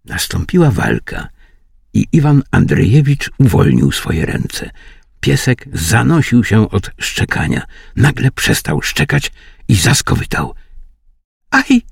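A man reading an audiobook slowly and expressively, close to the microphone in a dry studio recording. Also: fairly low pitch, very animated, creaky, husky, no echo. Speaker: audiobook reader. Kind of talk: audiobook narration.

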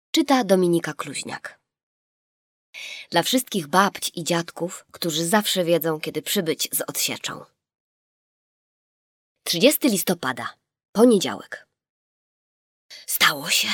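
A woman narrating a children's audiobook in a measured, expressive storytelling manner, recorded in a studio. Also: fairly low pitch, no echo.

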